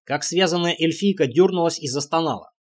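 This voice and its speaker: A man's voice: a little high, brisk. Man narrating a medieval fantasy audiobook. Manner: reads all characters himself with slight shifts. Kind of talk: first-person audiobook narration.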